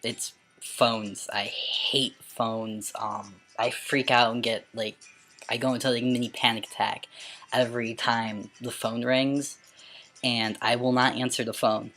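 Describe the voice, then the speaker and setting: Halting amateur vlogger, mid-pitched voice. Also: little pitch movement, a bit bright, faint music behind. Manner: halting, stumbles over words and repeats them when reading. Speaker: amateur video blogger. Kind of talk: casual question-and-answer vlog with some read-aloud passages.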